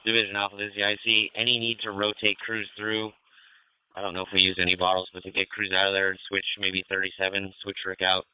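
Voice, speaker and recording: A man's voice: low-pitched, completely flat delivery, quick pace, clean tone, no room sound, phone-quality sound. An American man working as fire incident commander, giving courteous, procedural orders in clipped police-radio style over a two-way radio. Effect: radio transmission. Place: fireground.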